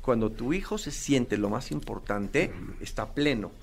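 A man's voice: medium pitch, animated, a little slow, vocal fry. A man giving parenting advice in an earnest coaching manner, speaking to the listener directly. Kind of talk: advice talk.

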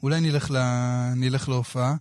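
A man in his thirties from Israel, telling a personal story in a casual, lively way with quoted dialogue. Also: medium pitch, dry recording. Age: 30s.

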